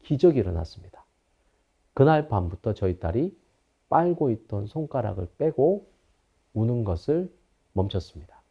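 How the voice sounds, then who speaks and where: A psychology professor in his fifties delivers a recorded lecture. He speaks with a very expressive, wide-ranging pitch and a storyteller's manner. The audio is a little dull and lo-fi. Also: moderate pace, creaky, long pauses, slightly rough. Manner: storytelling lecturer who acts out anecdotes.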